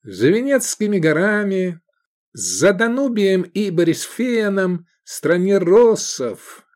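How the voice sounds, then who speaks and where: A man voicing a brash, boastful young male gladiator in an audiobook, mocking and loud. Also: high voice, big pitch swings, slow, pitched above the performer's own voice, exaggerated voice. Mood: storytelling.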